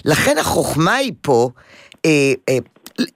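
A man advising a parent, talking in a lively, swooping way and acting out little scenes as he explains. His voice sits fairly high. The sound is close and dry. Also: gravelly, no echo. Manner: animated, acts out scenes in quoted voices. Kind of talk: advice consultation.

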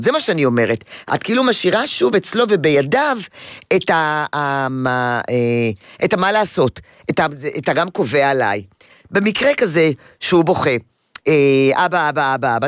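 Guy giving parenting advice, super animated, acts stuff out, dry close sound. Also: high-pitched, no room sound. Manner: animated, acts out scenes in quoted voices. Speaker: parenting advisor. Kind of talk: advice consultation.

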